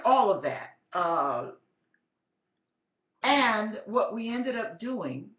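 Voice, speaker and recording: Woman blogger with a preachy storytelling tone, slow and animated, asks many rhetorical questions. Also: medium pitch. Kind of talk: storytelling exhortation. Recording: roomy, slightly dull.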